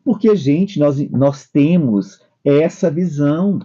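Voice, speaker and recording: A man's voice: fairly high pitch, lively intonation, takes it slowly, mellow, lo-fi sound. A man co-hosting a spiritist discussion program, earnestly explaining from his own experience. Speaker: co-host.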